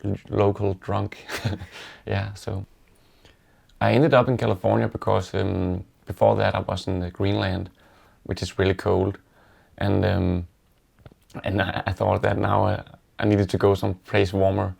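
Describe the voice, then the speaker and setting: Casual, reflective storytelling comes from a Danish-accented man from Denmark whose low voice is gravelly and fry-laden. He speaks in a level monotone, halting as he remembers, much like a relaxed interview.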